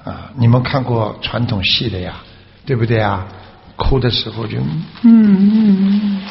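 A man preaching a Buddhist sermon through a story, with drawn-out filler sounds and questions to the audience. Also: lowish voice, gravelly, a little hiss or hum. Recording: echoey hall, dull lo-fi sound.

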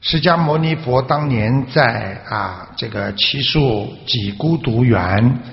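A man preaching a Buddhist sermon through a story, with drawn-out filler sounds and questions to the audience. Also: mid-range voice, animated, vocal fry. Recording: echoey hall, dull lo-fi sound.

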